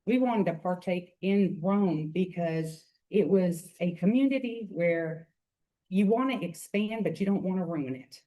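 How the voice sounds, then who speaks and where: Speaking into a podium microphone at a hearing, a woman with a Southern Memphis, Tennessee accent gives earnest, rambling public comment. Her voice sits on the low side, warm in tone, and she keeps a measured pace. The recording quality is low.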